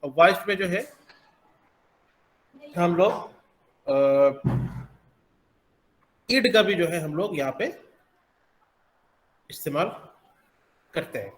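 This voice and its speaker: A man teaching English pronunciation, explaining slowly with many hesitant pauses. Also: high-pitched, a bit bright, reverberant. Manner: slow, halting, many filler pauses. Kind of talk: explanatory classroom lesson.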